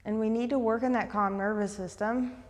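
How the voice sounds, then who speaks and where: Fast-talking, eager female stretch instructor. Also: fairly high pitch, steady tone, a little mellow, big-room sound. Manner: eager, talks fast, coaching cues. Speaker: fitness instructor. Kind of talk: guided stretching class.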